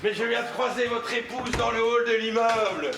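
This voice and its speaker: A man's voice: very high voice, steady tone, moderate pace, over music. An actor on stage playing a long-winded male charity volunteer who stammers, repeats himself and lectures in slogans. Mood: insistent chatter. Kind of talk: stage comedy acting. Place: theatre stage. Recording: echoey theatre hall, background noise.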